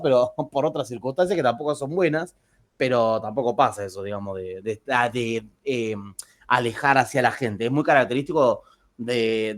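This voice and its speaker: Chatty Argentine man telling stories. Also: medium pitch. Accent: Argentine Spanish. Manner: chatty, joking, with frequent restarts. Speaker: teacher. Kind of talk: casual classroom anecdote.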